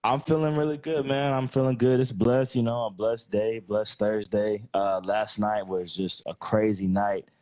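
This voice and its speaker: A man's voice: on the low side, fairly even intonation, normal speed, few pauses, mellow, dry recording. A man from Texas hosting a casual podcast interview, laid-back and friendly with lots of filler phrases. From Texas, United States. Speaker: podcast host.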